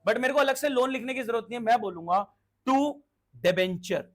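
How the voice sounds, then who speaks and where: A man's voice: extremely high pitch, normal speed. A man teaching commerce in a classroom lecture, who drills his students to call out answers and keeps asking if they follow. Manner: asks frequent check questions. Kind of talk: classroom lecture in Hindi mixed with English terms.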